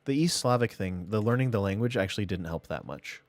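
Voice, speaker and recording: There's no room sound as this gaming streamer, his voice fairly low, expressive and brisk, plays a strategy game live. He muses aloud and chats casually with himself and the audience.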